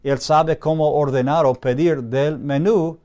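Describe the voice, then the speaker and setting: Man lecturing slowly with "ah" fillers. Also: on the high side, fairly even intonation, mellow. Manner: checks in often with a questioning "¿sí?"; frequent drawn-out "ah" fillers while thinking. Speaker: Bible institute teacher. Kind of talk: classroom lecture.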